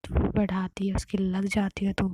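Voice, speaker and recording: A woman's voice: mid-range voice, monotone, normal speed, mellow, no echo. A woman narrating a story in a casual, half-whispered way.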